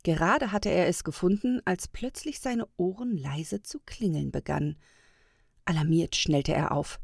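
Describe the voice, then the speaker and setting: A woman reads a storybook tale aloud in a calm, measured way. Her voice is fairly low with a gravelly edge, and her pitch moves a lot. The recording is close and dry, without room sound. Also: dry recording. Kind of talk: storybook narration.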